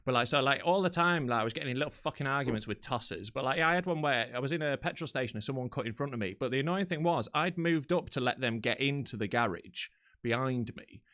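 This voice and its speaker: A man's voice: medium pitch, fast talker. An English man hosting a casual video-call chat, telling stories with lots of swearing. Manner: swears a lot, animated storytelling. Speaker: host.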